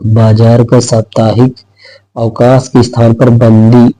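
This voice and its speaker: Flat-voiced man teaching exam prep. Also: medium pitch, slow, dry recording, rough recording. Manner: repeats each word and answer aloud, explaining step by step. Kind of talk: recorded exam-prep lesson.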